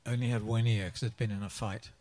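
A man with a lowish voice tells a joke as a story. He takes his time and pauses with small fillers as he builds to the punchline. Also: fairly even intonation, a little mellow. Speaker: guest telling a joke. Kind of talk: anecdotal joke-telling in English.

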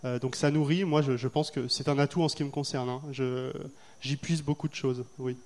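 This French man, an author being interviewed at a festival, has a steady, mid-range, darkish voice and a brisk pace. He reflects carefully while hesitating frequently and leaning on fillers.

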